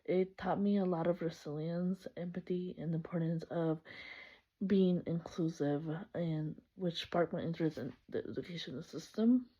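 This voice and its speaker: This young Salvadoran woman's voice is on the low side, mellow and husky, at normal speed. She's giving a chatty, upbeat class self-introduction, frequently laughing and correcting herself, captured in slightly muffled lo-fi.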